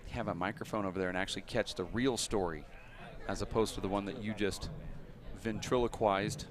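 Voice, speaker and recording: A man's voice: fairly low pitch, fairly even intonation, fairly quick, a crowd in the background. A man doing live play-by-play commentary at a handball match, chatty and upbeat, trading banter with his co-commentators. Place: handball show court. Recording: noisy live event broadcast.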